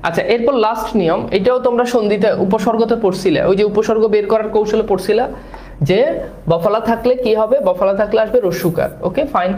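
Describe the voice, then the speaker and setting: A male teacher, explaining grammar and repeating syllables slowly while quizzing his students. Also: high-pitched, darkish tone, reverberant, low-quality recording. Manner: repeats sounds slowly, asks students questions. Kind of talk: grammar lesson.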